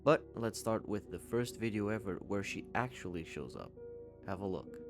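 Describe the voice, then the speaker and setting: A man's voice: lowish voice, animated, normal speed, music in the background. A man in his twenties giving a candid, conversational commentary voice-over and swearing casually. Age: 20s. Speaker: YouTube commentator.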